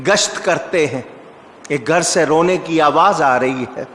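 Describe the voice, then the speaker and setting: Guy preaching a sermon, kinda high voice, gets loud and emphatic telling stories, big hall echo. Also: slight background noise. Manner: storytelling with rising emphatic outbursts; asks the audience rhetorical questions. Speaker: Islamic scholar preacher. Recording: echoey hall reverb.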